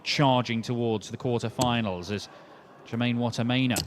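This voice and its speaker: A man giving live darts commentary in a measured, analytical way as play unfolds. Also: medium pitch, a crowd in the background. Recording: clearly noisy background with clicks.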